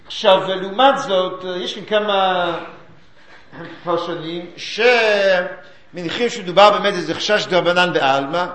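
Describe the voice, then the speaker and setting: A man's voice: high voice, a bit bright, echoey room, slight background noise. A man giving a Talmudic study lecture, explaining sources and chanting the quoted texts.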